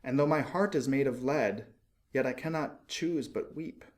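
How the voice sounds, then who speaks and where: A golden storybook statue of a dead prince, read by a man, solemn and gentle. The voice is musical and mid-pitched, full of wistful sorrow. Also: moderate pace, natural voice. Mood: sorrowful. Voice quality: low, musical. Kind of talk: storybook character voice.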